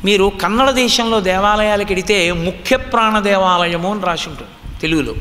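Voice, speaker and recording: High, bright-voiced man preaching in a hall. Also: moderate pace, slight background noise. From Andhra region. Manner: emphatic, teaching with rhetorical questions. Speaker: spiritual discourse speaker. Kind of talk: religious discourse. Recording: long hall reverb.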